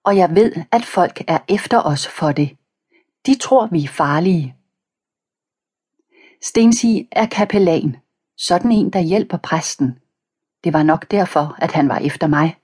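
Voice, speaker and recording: A woman narrating a children's audiobook in the first person, calm and even, reading page numbers aloud. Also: lowish voice, breathy edge. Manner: reads page numbers aloud between passages.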